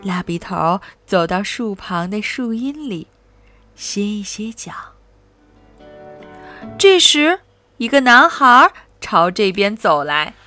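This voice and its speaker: A woman reading a children's picture book aloud in a slow, gentle, expressive way. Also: medium pitch. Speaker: storyteller. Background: soft music.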